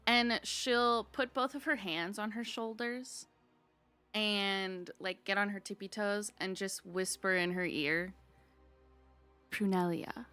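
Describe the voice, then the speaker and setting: A woman player in a tabletop game, giggly and excitable as she describes her moves. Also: medium pitch, takes it slowly, smooth, faint music behind.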